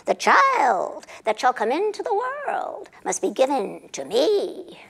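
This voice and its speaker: A woman storyteller voicing a stern, domineering wicked witch who scolds and then bargains in a hushed, menacing tone. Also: high-pitched, wildly swooping pitch, takes it slowly, creaky, full character voice. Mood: hushed menace.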